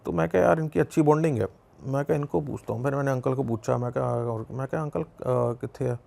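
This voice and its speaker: A young man with a Punjabi accent tells a personal story in a relaxed, conversational way. His voice has a gravelly edge, and he keeps repeating phrases and voicing the other people in it. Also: mid-range voice, quick pace. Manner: conversational, lots of repetition and quoted dialogue. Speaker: podcast guest. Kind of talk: casual storytelling.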